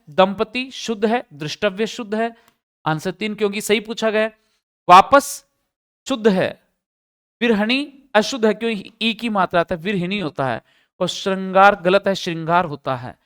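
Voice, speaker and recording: Smooth clear teacher voice going through test answers, asks the class questions as it goes. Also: medium pitch, fairly bright tone. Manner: explains step by step, poses questions to students. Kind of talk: live test-solution class.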